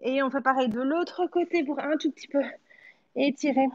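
A woman's voice: high voice, moderate pace, lo-fi sound. A woman in her thirties leading a home workout as a fitness coach, giving short encouraging cues and counting repetitions while she exercises. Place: living-room home studio, indoors.

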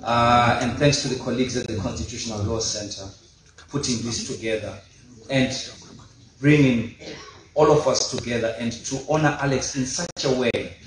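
A man moderating a memorial lecture, speaking haltingly with many fillers at a podium. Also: medium pitch, recorded from a distance. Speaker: event moderator. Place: large lecture hall with audience. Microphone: podium microphone. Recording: echoey hall, slightly off-mic, faint noise.

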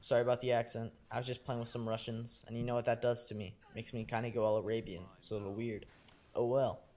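A man's voice: mid-range voice, level tone, quick pace, a little mellow. A young man, sick, rambling and joking crudely through casual game commentary as a gaming YouTuber.

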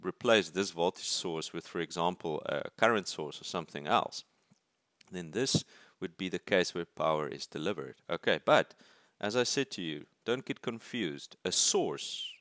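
Low-voiced male lecturer explaining circuits. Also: animated, normal speed, a bit bright, dry recording, clean studio sound. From South Africa. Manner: thinks aloud, restarts words, asks "right?". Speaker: university lecturer. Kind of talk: explaining while drawing circuits. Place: at a desk, filming paper from above.

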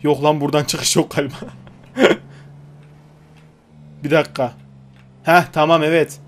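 A man's voice: fairly high pitch, level tone, a little slow. A young man giving casual, joking gameplay commentary, chatting to the characters on screen and swearing lightly. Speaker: gaming YouTuber.

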